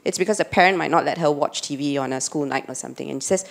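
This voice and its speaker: A woman's voice: low-pitched, very fast, creaky. A woman in her forties with a Singaporean accent, giving an earnest conference keynote into a handheld mic and checking in with listeners by asking "right?". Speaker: keynote speaker. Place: conference hall, at a podium. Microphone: handheld microphone.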